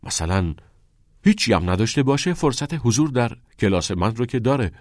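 A man with a natural, mid-range voice, recorded in a clean studio with no room sound, voices an unconventional teacher full of passion. Earnest in mood, the teacher is expressive and likes to tease his students.

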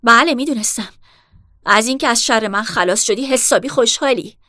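A woman voicing an angry young woman who shouts at her sister in a storybook reading. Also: no echo, studio quality. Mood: bitter. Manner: loud, high and shouting.

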